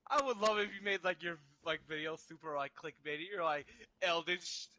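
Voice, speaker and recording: Excitable bright-voiced young man gaming. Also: fairly high pitch, brisk, no echo. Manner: excitable, laughs often, swears freely. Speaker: co-op gaming partner. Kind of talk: casual game-stream banter.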